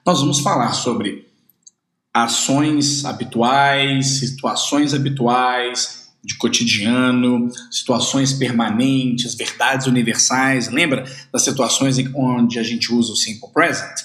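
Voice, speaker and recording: A man with a Brazilian accent, a native Portuguese speaker, teaching an online English lesson in a lively way and drilling phrases for the viewer to repeat. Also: medium pitch, slow pace.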